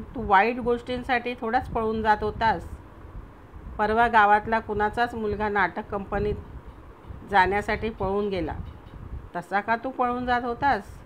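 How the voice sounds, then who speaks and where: Tender storybook mother read by a woman, loving and reassuring, fairly high voice. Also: a bit bright, a little hiss or hum, rough recording. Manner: tender, soothing. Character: gentle loving mother comforting her son.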